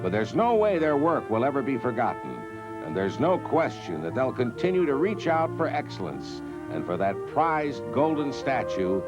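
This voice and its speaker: A man's voice: mid-range voice, sing-song, normal speed. A man narrating a TV documentary about film stars in a scripted, storytelling style. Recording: dull 1980s TV audio with music.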